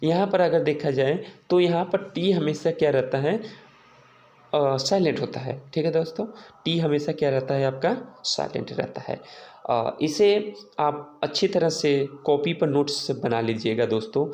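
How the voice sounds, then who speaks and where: A man's voice: on the high side, unhurried, darkish tone. A man giving a casual, patient lesson to his students, repeating his tag questions often and writing as he explains. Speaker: teacher. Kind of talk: casual classroom-style lesson. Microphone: recording while writing on a board or page.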